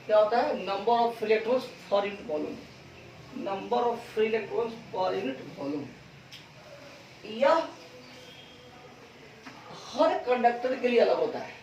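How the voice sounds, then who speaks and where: A man teaching a physics class, repeating key terms slowly and quizzing students with call-and-response questions. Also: high voice, a little mellow, slight background noise. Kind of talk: classroom lecture. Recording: echoey, distant, dull classroom recording.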